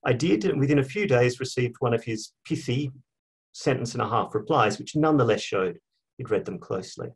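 A man with an Australian accent speaks in a measured, anecdotal way at a tribute panel. His voice is slightly husky and sits at an ordinary middle pitch. He pauses now and then with small fillers as he reads prepared remarks. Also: expressive. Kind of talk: prepared speech.

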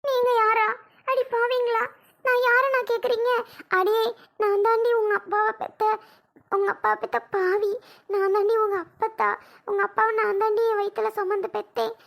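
Shrill scolding grandmother, a woman putting it on. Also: little pitch movement, moderate pace, creaky, fairly bright tone, full character voice. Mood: indignant, scolding. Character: indignant old grandmother, hurt and scolding. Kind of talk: family drama skit.

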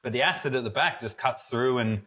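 Speaking briskly in a mid-range voice, this young mead brewer co-hosts a podcast indoors among steel brewery tanks. As he samples a homebrew, he chats casually, wandering off track with plenty of fillers and restarted sentences.

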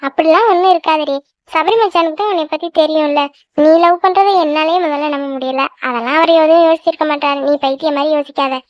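Very high-voiced woman in a cartoon. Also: steady tone, fast, no room sound, muffled recording. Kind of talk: cartoon voice acting, young woman.

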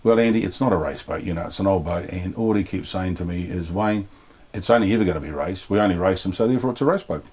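A New Zealand man in his sixties speaks in a very low voice, plain-spoken and full of fillers. He is a boatbuilder being interviewed in a small yacht cabin on a lapel mic. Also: fast, darkish tone, husky. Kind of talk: casual interview.

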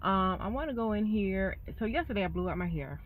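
A woman's voice: medium pitch, expressive, brisk, phone-quality sound, a little hiss or hum. A middle-aged woman vlogging casually from a parked car, talking in a rambling, folksy way into a tablet camera. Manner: rambling, folksy, says y'all often. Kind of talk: casual chatty car vlog. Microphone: tablet camera held close.

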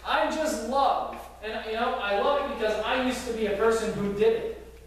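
A pastor with an extremely high-pitched voice preaches a sermon in a church sanctuary full of congregants, telling a story earnestly at normal speed with some fillers. Captured by a far camera at the back of the church, the sound is very echoey with slight background noise.

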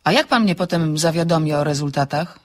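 A woman's voice: low voice, brisk. An actress playing a dry, ironic woman architect in a radio drama, trading quips on the phone. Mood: wry. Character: wry, sharp-tongued woman architect.

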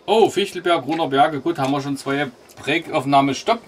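A man's voice: fairly high pitch, normal speed. A young man working as a CB radio operator, chatting casually inside a small caravan. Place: small caravan on a hill, indoors. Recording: very noisy, clicks, radio sounds.

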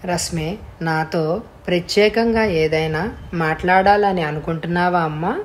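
A woman voicing a kind, soothing middle-aged man in an audiobook story, speaking softly and gently. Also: fairly low pitch, a little slow, close to an everyday voice. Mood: gentle. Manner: soft, gentle and hushed.

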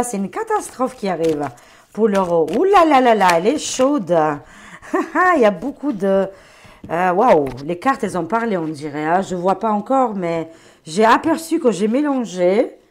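A woman's voice: medium pitch, animated, moderate pace. A woman doing a casual spoken tarot reading for her viewers, chatty and exclamatory, calling them her friends. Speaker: tarot card reader.

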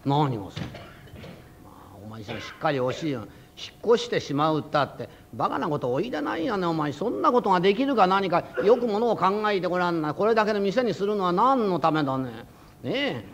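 A male rakugo storyteller voicing a practical shopkeeper's wife who scolds her husband softly. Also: sits high, sing-song, fairly quick, slight background noise. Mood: chiding. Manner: soft, chiding, practical. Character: sensible, scolding middle-aged shopkeeper's wife. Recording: dull lo-fi old recording.

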